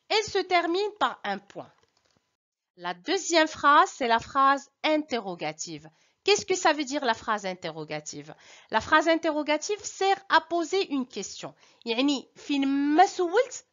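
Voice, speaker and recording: Moroccan woman, French teacher, high lively voice, dull lo-fi audio. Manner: switches between French and Moroccan Arabic, slow deliberate stress on key terms. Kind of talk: language lesson.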